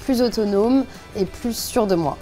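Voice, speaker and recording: A woman's voice: medium pitch, a little slow, mellow, soft background music. A young woman, an apprentice at a restaurant, speaking with some hesitation and fillers. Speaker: apprentice cook.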